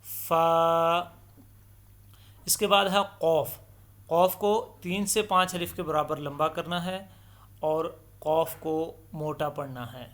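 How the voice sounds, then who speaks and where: Male recitation teacher, slightly high voice, patient explainer who stretches out letter sounds in long, loud demos. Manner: draws out each letter sound slowly and loudly in demonstration; patient explanatory tone, mixes in English terms. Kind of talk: step-by-step letter pronunciation lesson.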